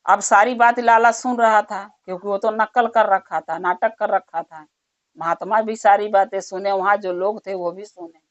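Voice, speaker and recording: A woman's voice: mid-range voice, steady tone, moderate pace, no room sound. A woman storyteller telling a religious folk tale in colloquial, repetitive narration. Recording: dull lo-fi recording.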